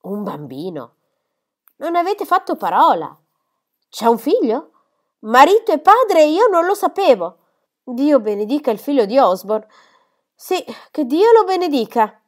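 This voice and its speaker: A woman's voice: mid-range voice, animated, moderate pace, natural voice. A woman voicing a grieving elderly country squire who is proud and impulsive, speaking with emotional outbursts. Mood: urgent. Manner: emotional, outbursts of grief and anger.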